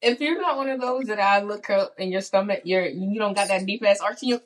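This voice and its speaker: A woman's voice: medium pitch, fairly quick. A young woman co-hosting a podcast in casual chat, joking and slangy, often laughing. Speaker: podcast co-host.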